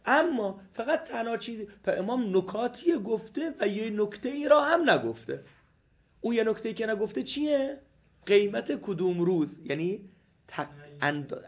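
A man's voice: high voice, vocal fry. A man teaching a seminary law class, reading passages aloud and questioning his students. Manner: animated, repeats points, asks the class questions. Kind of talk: jurisprudence class lecture. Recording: phone-like lo-fi recording.

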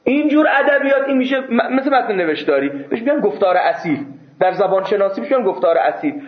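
A man's voice: high-pitched, very animated. A man teaching a seminary class, lecturing emphatically and answering his own rhetorical questions. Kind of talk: classroom lecture on Islamic jurisprudence. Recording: echoey room over a phone-like line.

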